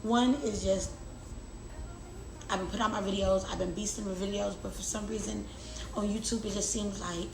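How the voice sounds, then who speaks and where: In a roomy, echoing space with clear background noise, a young woman lifestyle vlogger confides in her viewers casually. Her mid-range voice is fairly even at a moderate pace, with long pauses, and she frequently repeats words for emphasis.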